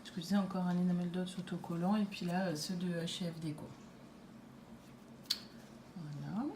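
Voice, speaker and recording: A woman presenting a handmade scrapbook album in a casual way, pausing often with fillers and restarts. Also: on the low side, steady tone, background noise. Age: adult with a daughter. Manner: hesitant, many fillers and restarts. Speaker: scrapbooking vlogger. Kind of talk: casual craft show-and-tell.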